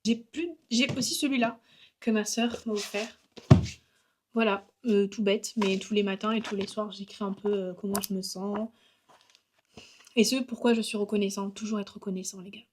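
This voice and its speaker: A woman's voice: medium pitch, steady tone, moderate pace, background noise. A young woman talking casually to camera in a vlog, chatty and upbeat, with many fillers and small self-mocking asides. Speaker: vlogger and graphic designer.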